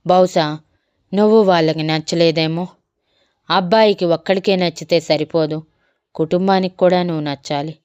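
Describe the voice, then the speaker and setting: A stern middle-aged father lectures his daughter about family honor, as a woman storyteller reads him. The voice sits low and very smooth, recorded dry and close. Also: steady tone, normal speed, pauses often, a little mellow, no echo, muffled recording, close to an everyday voice.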